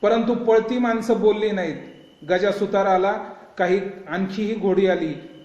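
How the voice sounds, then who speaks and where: A man's voice: sits high, darkish tone. A man giving a vivid, dramatic reading of a novel, in a roomy, dull lo-fi recording. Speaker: reader.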